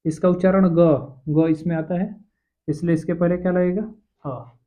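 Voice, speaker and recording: A man teaching an English grammar lesson, explaining slowly and asking rhetorical questions. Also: high-pitched, fairly even intonation, mellow. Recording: tinny phone-like sound.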